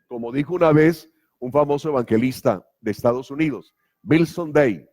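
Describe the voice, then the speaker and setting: A man's voice: medium pitch, normal speed, darkish tone. A man preaching a sermon as pastor, emphatic and full of rhetorical questions. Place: church.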